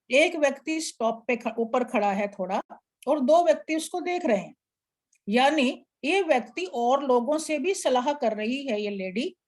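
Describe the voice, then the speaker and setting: Woman teaching a tarot class. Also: sits high. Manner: explanatory, instructive, asks an assistant to show slides. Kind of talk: live online class lecture.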